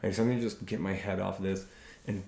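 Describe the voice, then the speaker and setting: A man's voice: low-pitched, flat delivery, creaky, a little mellow. A man hosting a podcast on relationships, talking casually in an earnest, careful way. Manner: earnest, speaks slowly and carefully. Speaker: podcast host. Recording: echoey room with faint noise.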